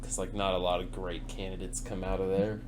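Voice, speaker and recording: A man's voice: low voice, level tone, fairly quick, a little hiss or hum. A young man co-hosting a podcast, telling work stories in casual, profane chat and laughing often. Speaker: podcast co-host.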